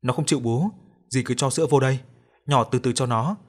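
A helpful young mother, voiced by a man in an audio story, speaks politely and kindly. Her voice sits at a middle pitch. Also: fairly quick, lightly acted.

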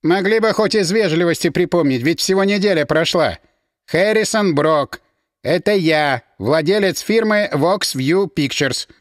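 A man's voice: high voice, measured pace, no room sound, clean studio sound. A man voicing an irritated, impatient male television company owner with an angry manner. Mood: indignant.

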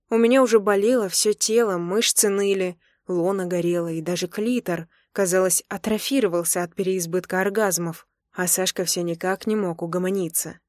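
A young woman telling a romance audiobook in the first person, with expressive, intimate narration. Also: fairly low pitch, no echo, clean studio sound.

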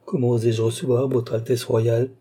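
A modest young woman, unwell and reserved, answering in soft, restrained words, as a man reading a storybook puts her on. Only a little higher than the narration, still husky and dark. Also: flat delivery, brisk, close to an everyday voice. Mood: reserved, troubled.

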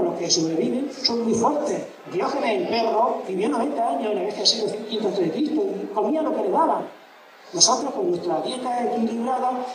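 Ironic lecturer from in an echoing hall. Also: male voice, high voice. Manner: emphatic, ironic and rhetorical. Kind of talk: public lecture. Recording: echoey hall from far off with background noise.

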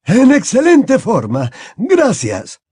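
A man's voice: very high voice, huge pitch swings, slow, warm tone, breathy edge, no room sound, studio quality, pitched above the performer's own voice, heavily acted. A man reading aloud voices an old, courteous wizard headmaster who speaks graciously and politely. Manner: gracious, polite, slightly hesitant.

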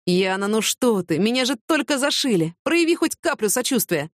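A woman's voice: a little high, very animated, moderate pace, no echo, pitched above the performer's own voice. Woman doing a tired injured cop, exasperated, whiny complaints, dry close sound. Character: injured male police major, weary and jealous. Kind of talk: audiobook character reading.

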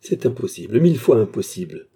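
A man reading aloud, voicing a frightened young woman who pleads in rising, anxious questions, in a husky voice. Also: medium pitch, lively intonation, moderate pace, dark tone, pitched above the performer's own voice. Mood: panicked.

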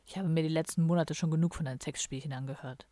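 A woman voicing a gruff, grumpy young man who drinks heavily, in a curt, muttering audiobook character voice. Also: low-pitched, steady tone, fast, dark tone, no echo, studio quality, voice pushed down, close to an everyday voice. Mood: grumbling.

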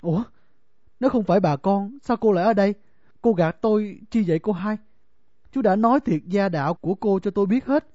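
Man acting out a young wealthy scholar, pleading and boastful, audiobook, mellow tone, muffled lo-fi sound. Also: high voice, fairly quick, no echo, natural voice. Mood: puzzled. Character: young wealthy male scholar, pushy and smitten. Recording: dull lo-fi dry recording.

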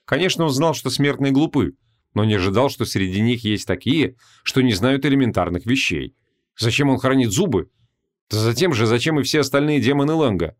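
Man narrating a fantasy audiobook. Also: mid-range voice. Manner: even, measured storytelling.

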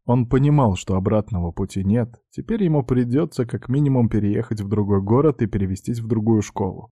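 Low, mellow male audiobook narrator. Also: fairly quick, husky, dry recording, studio quality.

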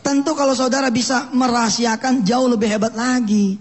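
A man preaching a lively sermon in a mosque, acting out scenes and jumping his voice up and down for different characters. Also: fairly quick, husky. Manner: animated, voices characters with sudden pitch jumps.

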